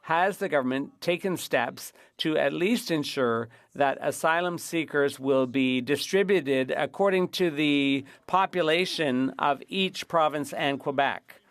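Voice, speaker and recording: A man interpreting formal parliamentary debate live, in somewhat halting phrases. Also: fairly high pitch, a bit bright, dry recording.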